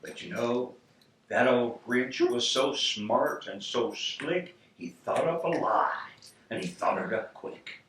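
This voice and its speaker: A middle-aged or older man reading a storybook aloud like a grandfather, with theatrical, rhythmic, deliberate delivery. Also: medium pitch, expressive, a bit bright. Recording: roomy distant home recording, faint noise.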